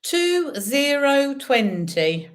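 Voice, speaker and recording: A woman working as a bingo caller, reading out numbers digit by digit with drawn-out pauses and chatty, informal asides to the players. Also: high-pitched, sing-song.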